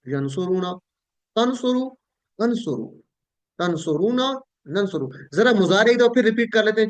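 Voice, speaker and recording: Teacher, male, Pakistani Urdu accent, fairly high voice, leads patient call-and-repeat drills over a video call. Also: a bit bright. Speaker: Quran Arabic teacher. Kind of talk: online class teaching Arabic verb forms.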